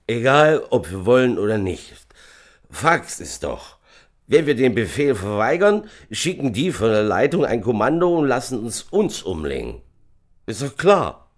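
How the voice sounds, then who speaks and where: A man voicing a bitter, gruff soldier who growls and shouts. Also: mid-range voice, very animated, measured pace, pitched above the performer's own voice. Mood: angry.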